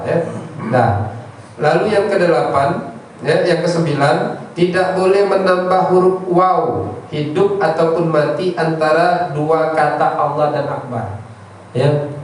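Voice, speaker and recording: A man leads an informal religious lesson, his voice sitting a little high. He talks conversationally and keeps checking in with the listeners. The recording is very echoey, with the mic some way off and faint noise behind him. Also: recorded from a distance. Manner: conversational, often adds "ya" and "ya tak". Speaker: religious teacher. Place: prayer room.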